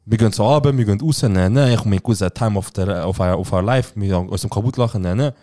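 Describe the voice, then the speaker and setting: A man's voice: on the low side, fast. A man with a Swiss German accent, co-hosting a casual podcast chat and telling stories full of acted-out quoted dialogue. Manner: animated storyteller acting out quoted dialogue. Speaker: podcast co-host.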